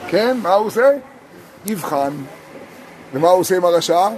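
A high-voiced male rabbi teaches a small group inside a sukkah. He moves between storytelling and slow chanting of verses, and he keeps asking his listeners questions. Faint noise sits behind him. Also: lively intonation.

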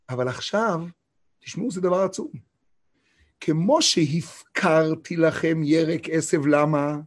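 A man giving a Torah lesson. He reads verses slowly and talks emphatically, asking rhetorical questions. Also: a little high, darkish tone, breathy edge. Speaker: Torah teacher.

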